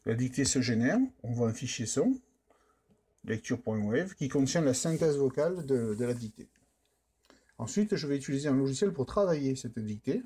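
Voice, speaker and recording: A man presents a software tutorial step by step. His voice is dark and relaxed, with some huskiness. The delivery is plain and explanatory. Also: mid-range voice, moderate pace, husky. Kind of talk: step-by-step screen demonstration narration.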